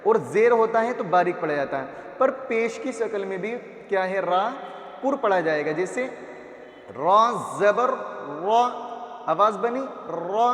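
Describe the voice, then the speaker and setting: Male Quran reading teacher, high voice, patient syllable drills, roomy echo. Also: animated, a bit bright. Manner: drills letter sounds, repeats each syllable, asks and answers his own questions. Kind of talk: slow classroom recitation lesson. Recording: echoey roomy reverb.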